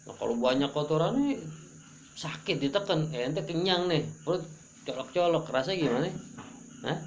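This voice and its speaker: Gravelly guy preaching, jokey and animated, faint hiss behind, crickets. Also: normal speed. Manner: animated, joking, pitch jumps for emphasis. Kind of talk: religious study sermon.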